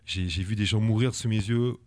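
A man from France, an activist guest, telling his story in an interview, halting and often restarting his words. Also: on the low side, fairly even intonation, darkish tone, no room sound, studio quality. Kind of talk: personal testimony in an interview.

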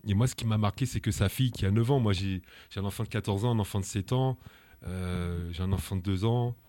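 A man from France, an activist guest, telling his story in an interview, halting and often restarting his words. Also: on the low side, dark tone, dry recording. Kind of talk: personal testimony in an interview.

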